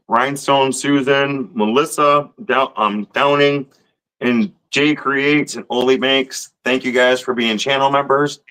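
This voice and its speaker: Male co-host, bright forceful tone, friendly and chatty. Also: medium pitch, rough recording. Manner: friendly, reads out names of channel members. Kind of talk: casual live stream chat.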